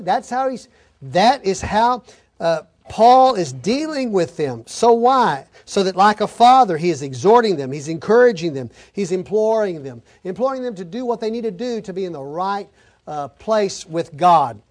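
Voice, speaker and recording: A man's voice: high-pitched, very animated, normal speed, a little mellow. A man preaching an expository sermon, reading scripture aloud and then explaining it with folksy stories and asides.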